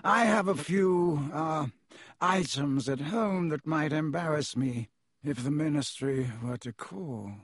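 Guy doing a snooty cold rich wizard dad, slow sneering drawl, kinda husky. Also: fairly high pitch, no echo, studio quality. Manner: icy, disdainful, clipped. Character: cold, haughty aristocratic wizard father.

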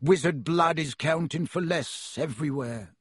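An oily, bowing shopkeeper of cursed goods, fawning and smooth-tongued, as a male narrator puts him on. his voice is a little husky and sits slightly high, recorded close and dry. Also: unhurried, no room sound. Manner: oily, obsequious.

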